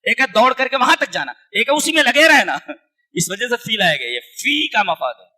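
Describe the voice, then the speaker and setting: A man giving a commentary lecture as a preacher, asking rhetorical questions and reciting Arabic verses slowly. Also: very high voice, very animated, pushed and bright, breathy edge. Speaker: Quran commentator.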